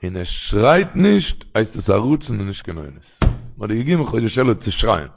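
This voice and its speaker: A man's voice: lowish voice, big pitch swings, moderate pace, creaky. A man telling religious stories in a rambling way, repeating his phrases. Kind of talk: storytelling religious talk. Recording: tinny phone-line sound.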